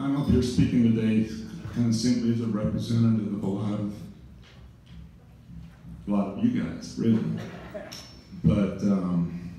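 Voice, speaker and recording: A middle-aged man gives an informal memorial speech, wandering through his thoughts with constant fillers and dry little jokes. His voice is dark and mellow, and it is picked up from a distance in a very echoey room with faint ambient noise behind it. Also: fairly low pitch. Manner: rambling, full of "you know", wry jokes. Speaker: eulogy speaker. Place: large event room.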